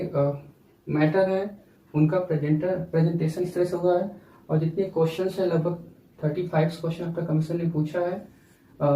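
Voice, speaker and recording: Higher-voiced male teacher in an echoey room. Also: warm tone. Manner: explains step by step, often addressing viewers as friends. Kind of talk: exam-prep grammar lesson. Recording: echoey room, mic at a distance.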